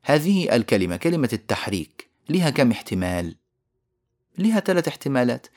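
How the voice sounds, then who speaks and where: A man with an Egyptian Arabic accent giving a recorded lecture, explaining a poem on recitation. He asks questions and answers them himself, chants verse lines slowly and repeats key phrases. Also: mid-range voice, sing-song, darkish tone.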